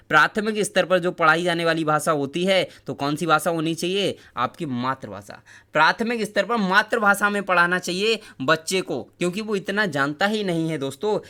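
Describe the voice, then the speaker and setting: On a live stream, a young man runs an exam-prep lesson, quizzing viewers and coaxing them over and over to post their answers in the comments. His voice is on the high side, pushed and bright, and he repeats phrases often.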